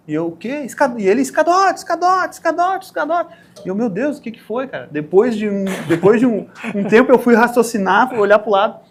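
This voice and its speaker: Animated southern Brazilian man telling stories. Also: high voice. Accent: Brazilian Portuguese, southern Brazil. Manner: animated storyteller, acts out quotes. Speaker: guest. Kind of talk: casual podcast interview.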